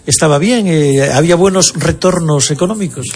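A man's voice: a little high, normal speed, soft background music. A man from Spain interviewing a guest, friendly and joking as he asks his questions.

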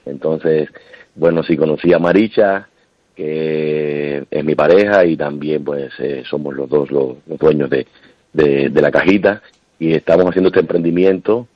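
A Cuban man in his thirties, a restaurant owner and singer, talking relaxed and chatty in a radio interview, with many restarts. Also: rumbling low, unhurried, no echo. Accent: Cuban Spanish. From Cuba. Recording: dull, lo-fi phone line.

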